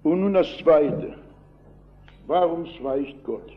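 An older pastor preaches with emphatic, impassioned force in a fairly high voice. The recording is dull and lo-fi. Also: male voice, slow. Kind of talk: sermon.

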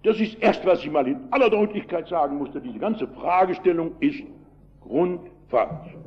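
Older pastor giving a fiery sermon, kinda high voice, muffled lo-fi sound. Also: male voice, expressive, normal speed. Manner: emphatic, impassioned, storytelling.

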